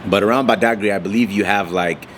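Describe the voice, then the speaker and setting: A young man from Nigeria, chatting casually as an interview guest in a relaxed way, with many fillers. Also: lowish voice, quick pace, a little hiss or hum.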